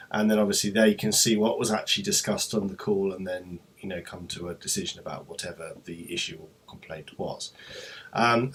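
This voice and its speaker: In an informal, unscripted company explainer vlog, a man with a lowish, slightly rough voice does the presenting. He talks hesitantly and rambles, trailing off into asides.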